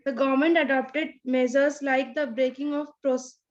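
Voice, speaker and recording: High female Indian student, muffled audio. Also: flat delivery, moderate pace. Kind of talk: reading a textbook aloud. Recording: dull, lo-fi online call audio.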